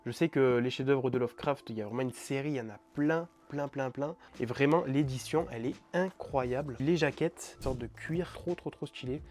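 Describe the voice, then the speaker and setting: A young man who runs a manga-collecting YouTube channel eagerly shows off his manga purchases in a casual vlog. His voice is medium-pitched and a little mellow, moving at a moderate pace with hardly any pauses. He is enthusiastic and chatty, filling his speech with lots of fillers.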